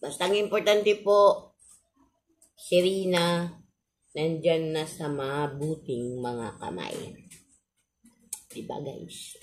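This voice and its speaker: A middle-aged Filipino woman vlogger with missing front teeth chats casually to her viewers in a polite, halting way, often repeating herself. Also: low voice, a little hiss or hum. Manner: polite, halting, with frequent repetition.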